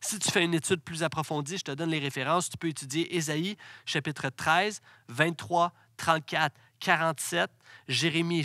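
A man's voice: a little high, bright, forceful tone, no echo, clean studio sound. A male pastor preaching a sermon, telling stories and building to emphatic declarations.

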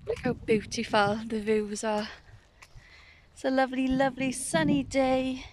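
A woman's voice: high voice, flat delivery, unhurried, darkish tone, a little hiss or hum. A woman, chatting casually in a day-in-the-life vlog, rambling and correcting herself. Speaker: vlogger. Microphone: phone at arm's length.

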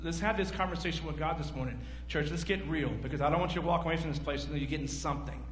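Quick-paced and somewhat high-voiced, this man in his forties is a pastor putting questions to his congregation mid-sermon. He moves around a large church stage, gesturing animatedly. The recording has hall echo and a faint hum.

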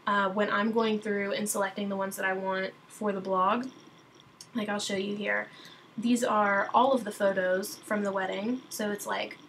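A young woman talks through a screen-recorded tutorial at her computer, chatty and loose, full of ums and self-corrections. Her voice sits at a middle pitch for a woman. A faint hiss of room noise hangs behind her. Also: fairly even intonation, moderate pace, a bit bright, low-quality recording. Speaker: wedding photographer teaching software.

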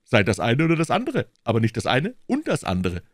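A man doing a loud, smug boastful musketeer. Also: mid-range voice, huge pitch swings, a little fast, dry recording, clean studio sound, pitched above the performer's own voice. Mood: lecturing. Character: boastful, self-satisfied adult male musketeer.

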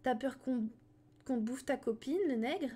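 A woman's voice: high-pitched, measured pace, mellow, breathy edge. A woman reading aloud, putting on the voice of a jeering teenage boy who bullies passers-by. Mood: mocking. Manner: taunting, sneering.

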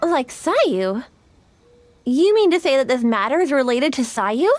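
For game voice acting, a woman with a high-sitting voice and big pitch swings plays a polite, dutiful young shrine maiden. The character sounds composed, speaking formally in a courteous, measured manner.

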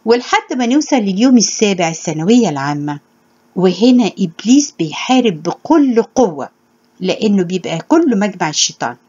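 A woman with an Egyptian Arabic accent giving a sermon in an earnest, measured teaching tone, with scripture read aloud. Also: mid-range voice, big pitch swings, warm tone, husky. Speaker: religious teacher. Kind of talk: spoken sermon with scripture reading. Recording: dull lo-fi recording.

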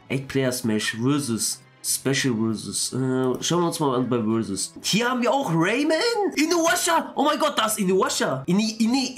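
Excitable young German gamer. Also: male voice, a little high. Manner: excitable, quick exclamations and swearing. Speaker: gaming YouTuber. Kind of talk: excited let's-play commentary.

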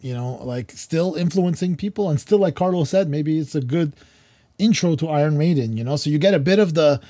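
A man's voice: fairly high pitch, a little fast, warm tone, no echo. A man co-hosting a music podcast, talking casually and rambling, with many fillers and restarts. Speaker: podcast co-host. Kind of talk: casual roundtable chat.

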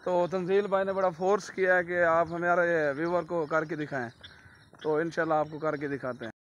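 Young Punjabi-accented man, high tense voice, faint outdoor noise; relaxed friend explaining workout steps. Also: normal speed, muffled recording. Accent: Pakistani Punjabi. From Pakistan. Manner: easygoing, explains steps plainly. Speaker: friend demonstrating exercises. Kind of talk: casual instructional vlog talk. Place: outdoors in a village field. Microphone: phone camera.

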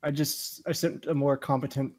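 A man playing a tabletop game as the dark overlord over voice chat. He jokes in a mock-bossy way. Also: fairly high pitch, little pitch movement, moderate pace. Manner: playful, mock-bossy, laughs often. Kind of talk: casual in-character game banter.

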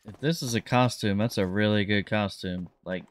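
A roleplay streamer improvises as a police lieutenant in a game, chatting in a hesitant, bemused manner. His voice is lowish and he speaks at normal speed.

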